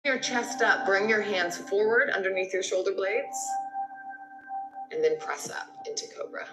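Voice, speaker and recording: A yoga instructor leads a class, offering step-by-step cues in an encouraging, conversational way. Her mid-range voice moves at normal speed, and the room echoes with music playing behind her.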